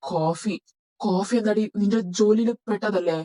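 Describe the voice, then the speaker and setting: A woman's voice: mid-range voice, normal speed, dark tone, lightly acted, poor audio. A woman voicing a rude, short-tempered young male boss who scolds his assistant. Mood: domineering. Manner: scolding, domineering. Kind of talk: Malayalam fan audio drama.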